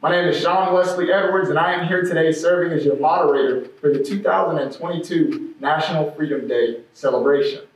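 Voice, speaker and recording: A man's voice: fairly high pitch, fairly quick, hardly any pauses. A young man from Cleveland moderating a panel in a polite, formal way, with a few restarts. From Cleveland, Ohio. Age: young adult. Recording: echoey and distant from the mic.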